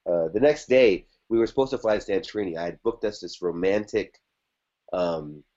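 A man's voice: low voice, moderate pace, dark tone. Man rambling through a story, dull audio. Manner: rambling, conversational, many fillers and restarts. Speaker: podcast guest. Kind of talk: casual storytelling about a past relationship.

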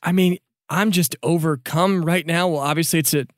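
A man's voice: on the high side, fairly even intonation, normal speed, no echo, clean studio sound, pitched above the performer's own voice, natural voice. A man voicing an emotional, clingy young man in a tabletop game, stammering and overwhelmed. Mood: tearful.

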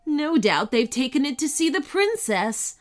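A woman's voice: high-pitched, sing-song, measured pace, voice pushed up. Woman voicing a nosy green cyclops cook. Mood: chatty. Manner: chatty, suspicious.

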